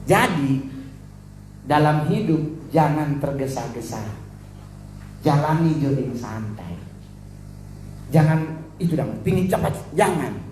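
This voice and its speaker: Animated Manado man preaching a comic sermon. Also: takes it slowly, pauses often, reverberant, a little hiss or hum. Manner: animated, jumps into high-pitched impressions of others. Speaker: comedian doing a mock sermon. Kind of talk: stand-up comedy parodying a church sermon.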